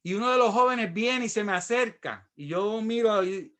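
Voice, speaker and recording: A man's voice: high voice, moderate pace, fairly bright tone. A middle-aged man with a Puerto Rican accent, a pastor telling his own story in a sermon and acting out the voices of the people in it. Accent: Puerto Rican Spanish. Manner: storytelling, acts out quoted voices. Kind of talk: sermon with personal testimony.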